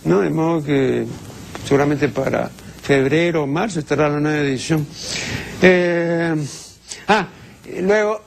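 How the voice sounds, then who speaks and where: An older man, answering viewers' language questions on a TV segment in a strict, pedantic way with many hesitations. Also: a little high.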